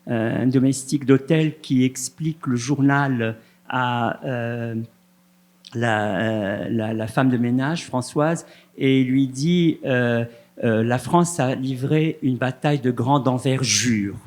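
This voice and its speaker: A man in the audience asking a long, polite question, pausing often and hesitating. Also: medium pitch, darkish tone. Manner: hesitant, many "euh" pauses, polite. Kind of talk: halting question from the floor.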